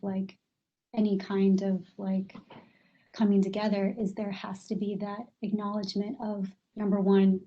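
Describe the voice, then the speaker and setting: A woman's voice: mid-range voice, dark tone, highs cut off. A woman from South Korea, a parent, speaking as a panelist in an open discussion, hesitant with many fillers and restarts. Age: adult with a child.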